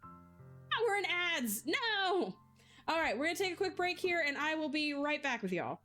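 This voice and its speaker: Young woman streamer, casual and expressive, high lively voice, faint music behind. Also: normal speed. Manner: animated and expressive. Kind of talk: casual let's-play chat.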